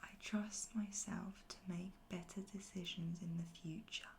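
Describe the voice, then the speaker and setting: A woman giving a whispered pep talk of ASMR affirmations in a soft, breathy near-whisper, slowly repeating phrases with pauses. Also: fairly low pitch, steady tone, slight background noise.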